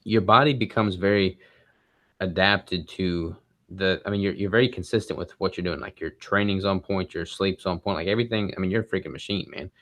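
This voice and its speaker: A man guest in a casual interview, explaining his diet approach in a quick, relaxed way with casual fillers. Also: low voice, dry recording, studio quality. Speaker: bodybuilder guest.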